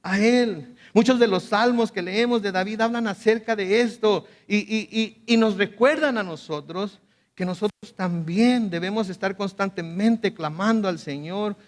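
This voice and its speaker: A male pastor preaching a conversational sermon with animated asides and frequent restarts. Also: high-pitched, unhurried. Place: school auditorium.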